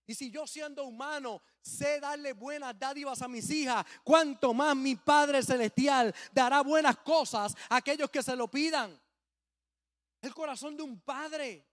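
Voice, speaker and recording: A man preaching a sermon as a pastor, swelling suddenly loud and acting out the people he quotes. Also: very high-pitched, a little slow.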